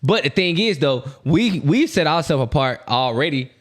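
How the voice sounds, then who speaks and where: A man's voice: on the high side, animated, normal speed. Laid-back slangy podcast host, a man. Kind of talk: casual podcast chat. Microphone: headset earphones and mic.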